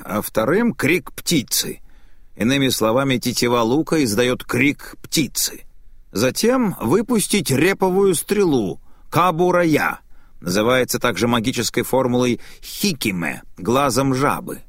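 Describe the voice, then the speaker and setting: A man's voice: mid-range voice, no echo, clean studio sound. A man narrating a tense first-person story as an audiobook reading.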